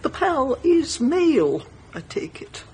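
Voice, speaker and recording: An actress playing a prim, snooty woman with a breathy voice in a TV sitcom. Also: sits high, sing-song, takes it slowly, a little mellow, exaggerated voice. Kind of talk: TV sitcom acting.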